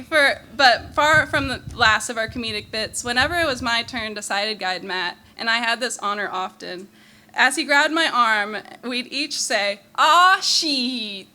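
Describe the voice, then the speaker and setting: A woman's voice: on the high side, pushed and bright. A woman, a younger sister, giving a prepared memorial speech in a fond, humorous way. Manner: fond and humorous, laughing between lines.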